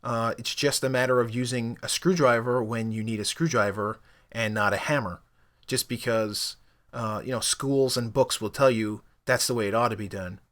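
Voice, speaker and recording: Here the young man, whose first language is Spanish, has a medium-pitched, steady voice with a fairly bright tone and a moderate pace. He's giving his casual take on language learning straight to camera, rambling and leaning heavily on fillers.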